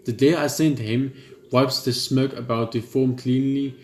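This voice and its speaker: A mid-range, slightly mellow male voice reads a visual novel's text in a let's play at a measured pace, his intonation fairly even. He stumbles and rereads here and there and makes asides. The recording echoes roomily over game music.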